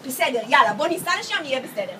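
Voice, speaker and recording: A woman telling a story to a gathering in a casual, animated way, acting out what people said. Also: high-pitched, noisy background. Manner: lively, acts out quoted voices with laughter. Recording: distant mic with loud crowd chatter. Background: crowd of people talking.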